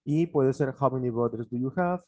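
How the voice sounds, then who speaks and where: A man whose first language is Spanish, teaching an online English grammar lesson, explaining step by step and repeating examples, often pausing with fillers. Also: medium pitch, dark tone, dry recording.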